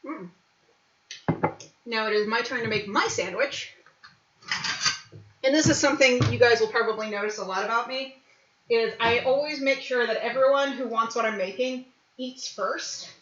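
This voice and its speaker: A woman hosting a casual cooking stream, chatty and playful, sounding a little low on energy. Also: moderate pace, long pauses, a bit bright, a little hiss or hum. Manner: chatty, playful, laughs often. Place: home kitchen. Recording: echoey dull home recording.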